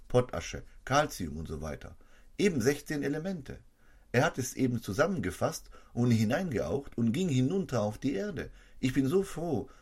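A male preacher giving an emphatic sermon, his voice climbing sharply in pitch and loudness to drive points home. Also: slightly rough.

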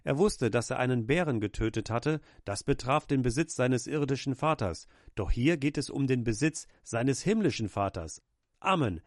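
A man's voice: mid-range voice, expressive, moderate pace, no room sound. Guy preaching a sermon all fired up, mid voice, dry close sound. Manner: fervent preaching, acts out quoted cries.

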